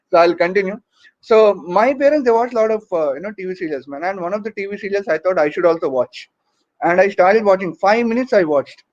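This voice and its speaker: A man's voice: high voice, highs cut off. A man with a Telugu accent, a native Telugu speaker, doing stand-up comedy in a conversational storytelling way. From Hyderabad region, southern India. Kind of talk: stand-up comedy monologue to an audience.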